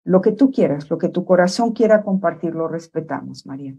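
A woman hosting an interview, asking gentle questions in a soft, consoling way that trails off quietly. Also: fairly low pitch, lively intonation, fairly quick, slightly rough, highs cut off. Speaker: interviewer, host.

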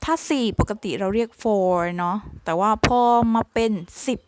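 A woman teaching English numbers to young students, slowly spelling each word letter by letter and using polite particles. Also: medium pitch, noisy background. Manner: slow, spells words letter by letter. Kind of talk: slow number drill lesson. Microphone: phone screen recording.

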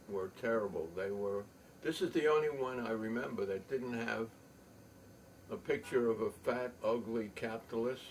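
Old guy rambling through a story, gravelly and slow, mic a bit far off with some hiss. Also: lowish voice. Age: older. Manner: rambling, halting, many fillers. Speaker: show host. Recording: distant mic with faint room noise.

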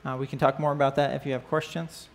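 A man with a gravelly, medium-pitched voice talks fast and keeps his pitch fairly flat. He leads a church class lesson that opens with a prayer, speaking casually from an indoor stage stocked with band gear. He often checks in with the class, asking questions and dropping frequent "right?" and "uh."

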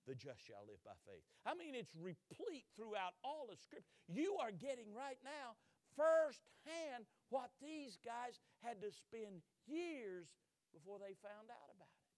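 A middle-aged male pastor preaching a sermon in a church, swinging from hushed tones to thundering, acting out the voices he quotes. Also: extremely high pitch, expressive, unhurried, dry recording. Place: church sanctuary.

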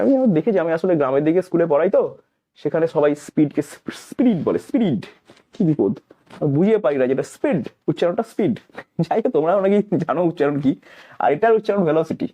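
Lively, fast-talking male physics teacher. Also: high voice. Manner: asks and answers his own questions, emphatic; mixes English terms into explanations. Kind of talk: explanatory classroom lecture.

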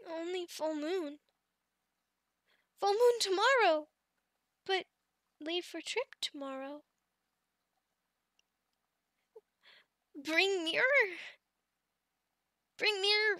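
This woman voices a devoted, sweet and childlike grown-up female goblin for an ASMR roleplay, talking in excitable, halting third-person fragments. The very high voice is heavily acted and recorded at studio quality with no echo, carrying a hesitant, worried mood.

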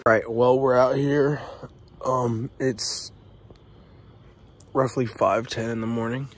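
A young male vlogger talks to his camera while running down a neighborhood street outdoors at dawn. He's out of breath, blunt and swearing as he pushes himself along in this casual running vlog. His voice is medium-pitched, slow and husky, with fairly even intonation.

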